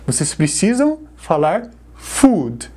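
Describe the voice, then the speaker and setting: A Brazilian woman teaches a beginners' English lesson in a Brazilian Portuguese accent. Her voice is low and mellow, with a lively, swooping pitch. She slows right down on the example words so learners can repeat after her. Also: breathy edge. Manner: slow, drawn-out model words for learners to repeat.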